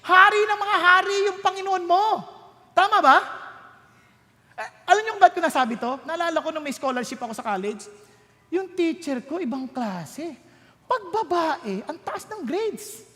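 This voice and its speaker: A male pastor preaching a sermon, telling lively stories and acting out the voices of the people in them. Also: extremely high pitch, normal speed. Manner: lively storytelling, code-switching, acting out voices. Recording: long hall reverb.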